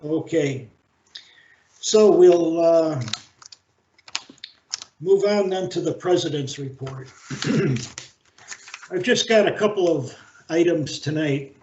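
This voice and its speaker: Slow, deliberate man chairing a board meeting. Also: on the high side, a little mellow, slight background noise. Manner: halting, measured, many fillers and restarts. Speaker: library board president. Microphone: video call. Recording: roomy, dull video-call audio.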